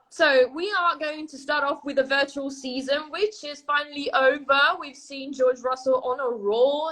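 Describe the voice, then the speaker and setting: A woman in her twenties, a native Italian speaker who serves as host and chief editor, leads a casual live-stream chat over a video call. She's lively and friendly and laughs often, her voice on the high side in a low-quality recording.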